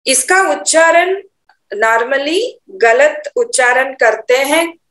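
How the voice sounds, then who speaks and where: A woman teaching Sanskrit pronunciation for Vedic chanting, slowly demonstrating each syllable. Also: sits high, lively intonation, fairly bright tone, reverberant. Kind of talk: online pronunciation lesson.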